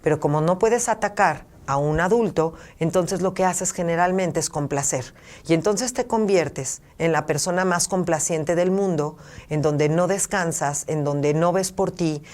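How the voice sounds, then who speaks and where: A woman's voice: lowish voice, measured pace, a little mellow. A middle-aged woman, a parenting therapist giving an emphatic talk full of rhetorical questions and lists.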